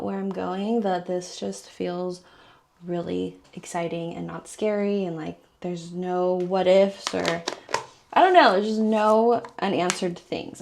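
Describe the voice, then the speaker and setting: A woman's voice: mid-range voice, vocal fry, a little mellow, slight background noise. A woman in her thirties, chatting to her phone camera in a giddy, emotional vlog. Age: 30s. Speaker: vlogger. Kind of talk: casual vlog chat.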